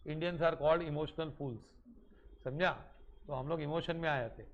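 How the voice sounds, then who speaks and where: A man's voice: on the high side, steady tone, slow, highs cut off. Man quizzing his commerce class. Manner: asks students questions and answers them himself; mixes English terms into his Hindi. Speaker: commerce teacher. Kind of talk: classroom lecture.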